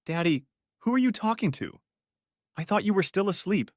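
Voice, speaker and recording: A woman's voice: medium pitch, expressive, normal speed, darkish tone, dry recording, studio quality, voice pushed up, natural voice. A man voicing a cheerful grown daughter talking on the phone, giggly and sing-song, in a storybook reading.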